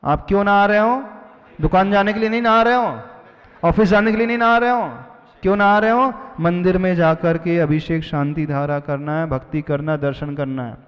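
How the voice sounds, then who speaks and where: High-voiced preacher in a reverberant hall. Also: male voice, normal speed, clean tone. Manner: emphatic, asks rhetorical questions. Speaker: preacher answering a question. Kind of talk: sermon answering a question. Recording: dull lo-fi sound with long hall reverb.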